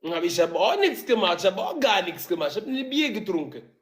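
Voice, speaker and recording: A man's voice: high-pitched, sing-song, fairly quick. A man from Gabon hosting a casual video-call chat, teasing and questioning his guest playfully. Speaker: live-stream host.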